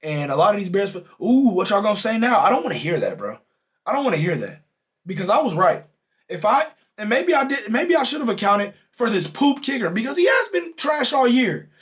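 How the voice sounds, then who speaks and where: A young man hosts a sports podcast in a high, excitable voice. He rants with heated exasperation and hammers his points home, and his voice swoops wildly up and down as he works himself up. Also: a little fast. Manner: heated, exasperated, emphatic ranting. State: losing his voice. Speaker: podcast host. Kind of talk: animated sports reaction rant.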